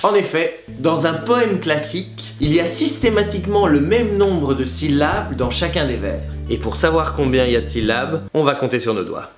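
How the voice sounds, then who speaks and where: A man's voice: on the high side, animated, moderate pace, few pauses. A man presenting a lesson, explaining with playful examples and theatrical recitations. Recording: echoey room with music behind.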